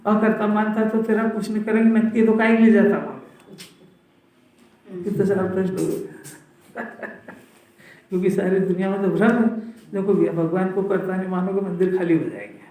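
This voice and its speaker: High-voiced man teaching in an echoey hall. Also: mellow, a little hiss or hum. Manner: conversational teaching, rapid rhetorical questions to listeners. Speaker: Jain scholar giving a discourse. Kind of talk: scripture discourse. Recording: echoey hall, speaker far from mic.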